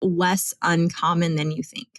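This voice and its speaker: A woman's voice: fairly low pitch, level tone, measured pace, no echo. A woman in her forties hosting a podcast in casual chat, reading sponsor codes and laughing often. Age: 40s. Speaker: podcast host.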